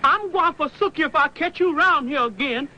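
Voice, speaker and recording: Housekeeper, high bright voice, lively, scolding dialect. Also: female voice, moderate pace, lo-fi sound, a little hiss or hum. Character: bossy, fond woman housekeeper.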